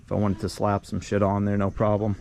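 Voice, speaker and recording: A man talks through his truck project in an easygoing, rambling way, full of ums and uhs. His voice sits in a flat, unvarying pitch. He is recorded outdoors beside the truck with a faint hiss behind him. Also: fairly quick, gravelly. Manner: laid-back, rambling, many fillers. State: a little out of breath at times. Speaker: vlogger working on his trucks. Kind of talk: casual self-filmed narration.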